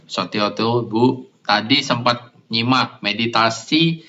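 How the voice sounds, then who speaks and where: A man's voice: mid-range voice, takes it slowly, bright, forceful tone. A man moderating a question-and-answer session, briefly and politely reading out a question from the chat. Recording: dull, distant mic with faint noise.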